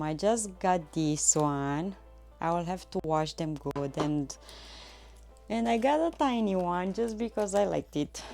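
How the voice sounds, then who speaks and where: A woman's voice: lowish voice, a little mellow. A woman chatting casually on a live cooking stream, laughing often and making small grammar slips. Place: home kitchen.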